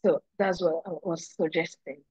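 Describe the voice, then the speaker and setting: A woman speaking haltingly with many fillers in an online meeting, her call audio breaking up and dropping in and out. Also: lowish voice, fairly even intonation, darkish tone, husky, no room sound, dull audio. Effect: choppy call audio, volume dropping in and out. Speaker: working group meeting participant. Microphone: computer or phone mic on a video call.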